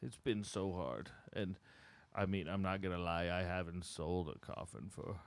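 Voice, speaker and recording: A man improvising a desperate older coffin salesman, emotional and swinging from giddy to gloomy, with a lively pitch. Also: normal speed, clear, resonant tone, dry recording. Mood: mournful. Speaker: improv performer.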